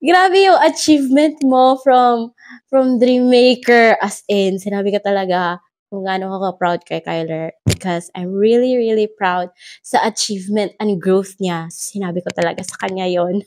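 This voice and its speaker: A young Filipino woman vlogger telling a story in a casual, excited way, giggling often and mixing two languages. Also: mid-range voice, moderate pace. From Philippines. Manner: excited, giggly, mixes Tagalog and English.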